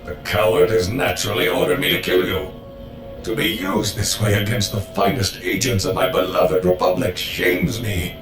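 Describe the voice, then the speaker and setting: Man as a very deep, bombastic war droid. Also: flat delivery, normal speed, natural voice. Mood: earnest, melodramatic. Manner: grandiose, formal, melodramatic. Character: bombastic, fiercely patriotic male war droid. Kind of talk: video game voice acting. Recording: roomy echo, clear music underneath.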